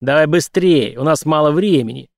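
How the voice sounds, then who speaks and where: A man voicing a grinning, menacing man from a nightmare, loud and leering in a raised voice. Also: fairly high pitch, moderate pace, creaky, no room sound, clean studio sound.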